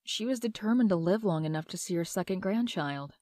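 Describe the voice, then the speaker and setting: A woman's voice: medium pitch, lively intonation, a little fast, darkish tone, dry recording, studio quality, close to an everyday voice. A woman voicing Mary Jane, a fiery but guarded young woman, telling her story in a heartfelt, confessional way in a comic dub. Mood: wistful. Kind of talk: comic dub narration and dialogue.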